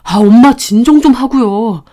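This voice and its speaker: A woman's voice: fairly high pitch, moderate pace, warm tone, natural voice. Brief: woman narrator voicing a hesitant young husband stuck between wife and mother. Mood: flustered. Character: flustered young husband caught in the middle.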